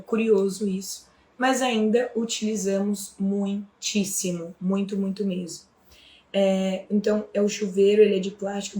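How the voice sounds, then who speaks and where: A woman's voice: mid-range voice, warm tone. A Brazilian woman with a Brazilian Portuguese accent teaching in a chatty, casual way, often adding little tag questions and fillers. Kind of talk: casual explanatory lesson. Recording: echoey room.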